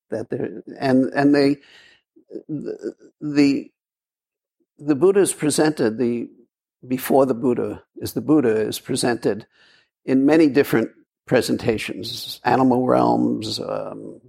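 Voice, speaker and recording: A man's voice: medium pitch, vocal fry, darkish tone. A man giving a Zen dharma talk, telling a story in a rambling way with repeats and fillers. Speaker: Zen teacher. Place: meditation hall.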